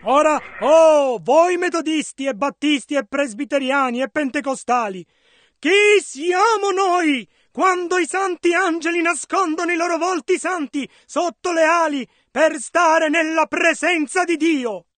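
A man interpreting a sermon into Italian, echoing the preacher's dramatic rises and shouts. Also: extremely high pitch, a little slow. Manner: echoes the preacher's dramatic delivery.

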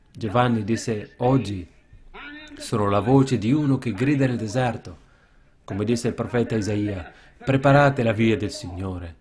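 A man preaching a sermon with passion, swinging from loud shouted peaks down to quiet, low asides. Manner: impassioned, rises to shouts then drops low.

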